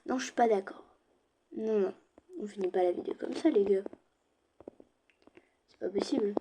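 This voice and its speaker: Girl streamer chatting thru a game, dark mellow voice w some fry, talks to viewers. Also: medium pitch, normal speed, slight background noise. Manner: chatty, addresses viewers directly, slips into soft asides. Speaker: gaming streamer. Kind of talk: casual let's-play commentary.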